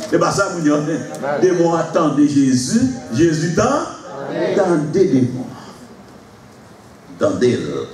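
A pastor preaching a sermon to his congregation, shifting from slow explanation to shouted exclamations and laughter. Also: on the high side, lively intonation, a crowd in the background. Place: large church hall with congregation. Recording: echoey hall, far from mic, congregation noise.

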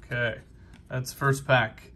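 A card-collecting vlogger in a busy convention hall, middle-aged with a New England accent, talks through opening trading card packs in a medium-pitched, flat, slightly slow voice. He's casual and upbeat, leans on fillers, and the background is noisy.

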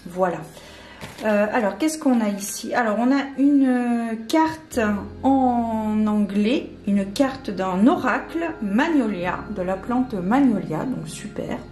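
A woman's voice: fairly high pitch, animated, slow, warm tone. A woman chatting casually through a candle unboxing, hesitant and full of fillers. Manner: hesitant, many fillers and restarts. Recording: echoey room with faint music.

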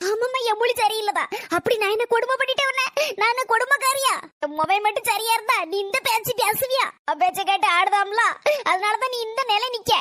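A woman's voice: extremely high pitch, fairly quick, bright, forceful tone, no echo, clean studio sound. A woman voicing a quarrelsome, grumbling old mother-in-law in a cartoon, scolding and sarcastic. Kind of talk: cartoon voice acting.

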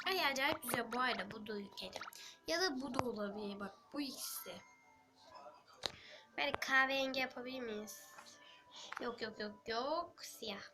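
A woman with a sore throat and a nearly gone voice, giving casual let's-play commentary, speaking quietly and often slipping into a half-whisper. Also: on the high side. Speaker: game channel host.

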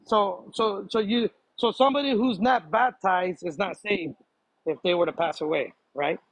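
A man's voice: high voice, moderate pace, breathy edge, no room sound, low-quality recording. A man talking casually in an interview, hesitant and repeating himself, laughing easily as he answers questions about faith. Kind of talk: casual conversation.

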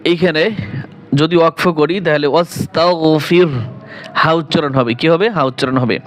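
A man with a Bangladeshi Bengali accent teaching Quran reading, spelling out each syllable and then reciting the verses slowly and drawn out. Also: fairly high pitch, soft background music. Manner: slow drawn-out recitation between quick spelling explanations.

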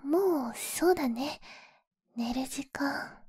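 A woman voicing a shy, affectionate young animal-eared girl in an ASMR role-play, soft breathy bedtime pillow talk close to the microphone. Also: high-pitched, takes it slowly, dry recording. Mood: gentle, drowsy. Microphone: close, dry microphone.

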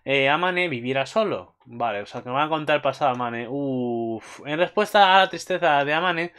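Young man, excitable anime recapper, crisp and bright, squeals often. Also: moderate pace. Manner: gushing, bursts into high squeals and shouts. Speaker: anime commentator.

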